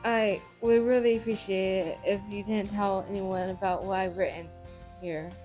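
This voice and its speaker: A woman's voice: medium pitch, fairly even intonation, normal speed, a little mellow, faint music behind, lightly acted. A woman voicing a shy, flustered, modest student in an anime fan dub, hesitant, apologetic and prone to stammering. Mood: reluctant, embarrassed.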